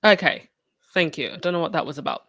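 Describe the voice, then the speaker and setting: She's a woman from England running a casual livestreamed podcast, chatting loosely with lots of fillers and restarts while sniffling from a cold. Her lowish voice is animated, quick and fairly bright, captured in studio quality without echo.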